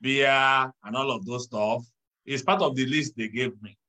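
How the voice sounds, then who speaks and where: A man, a pastor, teaching in a church talk show, measured and stressing key words. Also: medium pitch, pushed and bright, rough recording.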